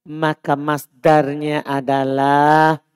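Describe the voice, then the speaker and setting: A man's voice: fairly high pitch, level tone, very slow, clear, resonant tone, soft background music. A man teaching an Arabic grammar class in a mosque, with an Indonesian accent from Makassar, drilling his students with short repeated prompts to say each form again. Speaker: Islamic teacher. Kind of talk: live Arabic morphology class.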